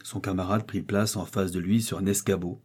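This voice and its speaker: A man reading a short story aloud in measured audiobook narration. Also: sits low, fairly even intonation, darkish tone, breathy edge.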